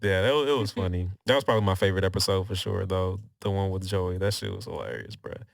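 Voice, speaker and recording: A man co-hosting a podcast, recapping a sitcom in casual chat with slangy, animated storytelling and lots of laughter. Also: deep voice, quick pace, gravelly, no room sound, clean studio sound. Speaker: podcast co-host.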